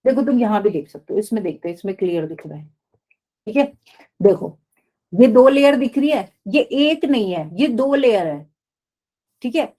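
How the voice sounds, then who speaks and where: A woman's voice: fairly high pitch, animated, normal speed, pauses often, dark tone. A woman teaching biology in a live online class, explaining step by step and often asking the class questions.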